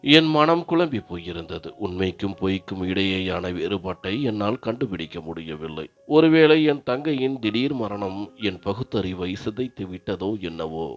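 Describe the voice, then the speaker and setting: A man narrating a first-person story in a grave, steady manner. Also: low-pitched, moderate pace, hardly any pauses. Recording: dull lo-fi narration with faint music.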